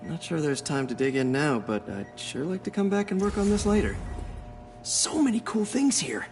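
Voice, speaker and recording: A man's voice: on the high side, very animated, normal speed, darkish tone, soft background music. An actor playing an earnest, curious young man in a video game, friendly and conversational as he thinks aloud. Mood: intrigued, eager. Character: earnest, curious young male hero and science whiz.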